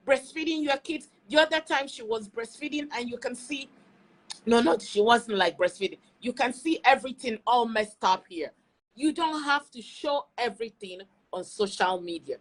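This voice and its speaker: On poor audio, a woman with a high voice runs an opinionated livestream. As an online video host and commentator, she speaks emphatically about social media topics and repeats phrases to drive her arguments home.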